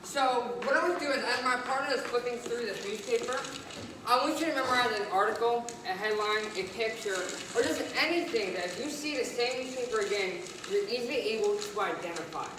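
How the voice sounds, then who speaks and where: A woman with a slightly high voice gives rehearsed stage magic patter, explaining things formally to an audience. She is heard from a distance in a very reverberant room. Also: animated, a little fast. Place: echoey room at a live show. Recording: very echoey distant room, hissy noise.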